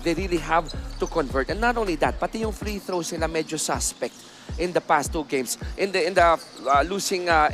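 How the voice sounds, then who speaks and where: A man's voice: on the high side, a bit bright. A man with a Filipino accent giving conversational, explanatory basketball commentary as an analyst, often adding tag questions. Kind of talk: conversational pre-game commentary mixing Tagalog and English.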